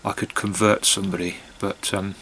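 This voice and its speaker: A man chatting casually on his own in a hesitant, musing way, with long pauses and trailing phrases. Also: low-pitched, flat delivery, bright, forceful tone, a little hiss or hum, rough recording. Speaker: pipe-smoking vlogger. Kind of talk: casual monologue to camera.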